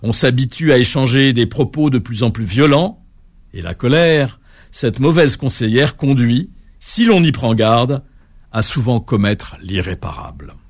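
A man narrating an animal folk tale in an expressive, measured way, lifting his voice at key moments. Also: mid-range voice. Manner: expressive, measured telling with sudden lifts. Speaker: storyteller.

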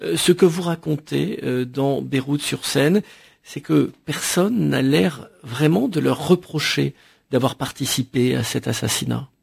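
Gravelly, husky male radio interviewer. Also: mid-range voice, measured pace.

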